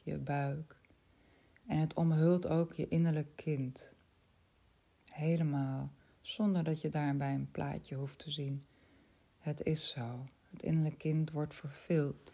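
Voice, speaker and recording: A woman leading a spiritual guided meditation in a soft, slow voice that often drops to a whisper. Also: deep voice.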